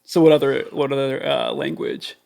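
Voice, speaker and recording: A man's voice: mid-range voice, fairly even intonation, normal speed, gravelly, a little mellow. A man hosting a studio interview, asking loose, rambling questions full of fillers. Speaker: interview host. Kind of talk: casual interview chat. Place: recording studio.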